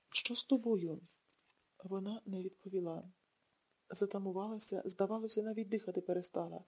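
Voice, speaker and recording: A woman narrating a novel in the first person, in a calm, even reading voice. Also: medium pitch, breathy edge. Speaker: audiobook reader.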